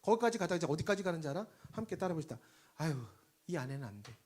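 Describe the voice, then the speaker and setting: A man preaching a sermon in a lively, conversational way, leading the congregation in call-and-response and swinging between loud emphasis and quiet asides. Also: on the high side, racing.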